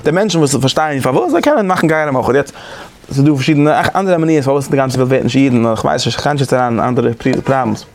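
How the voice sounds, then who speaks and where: Fast-talking gravelly man teaching a class. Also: mid-range voice, expressive. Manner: halting, with frequent restarts and repeated words. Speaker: teacher leading a class discussion. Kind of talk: informal study-group lecture.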